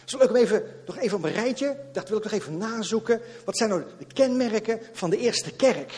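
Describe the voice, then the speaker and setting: A man preaching a sermon to his church, lively and repetitive, slipping in English catchphrases. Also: high voice, fairly quick, long reverb tail. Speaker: pastor. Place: church hall.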